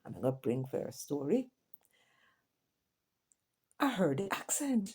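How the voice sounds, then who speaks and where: A middle-aged Jamaican woman hosts her vlog channel, giving a casual commentary monologue to viewers and switching between patois and English with chatty asides. Her voice sits low, darkish and husky, very animated but at a measured pace.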